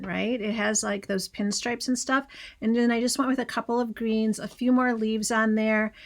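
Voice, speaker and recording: A woman's voice: medium pitch, vocal fry. A woman with a Midwestern accent hosting a casual crafting tutorial, chatty and gushing, with asides to the viewer. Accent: Midwestern American. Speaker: craft channel host.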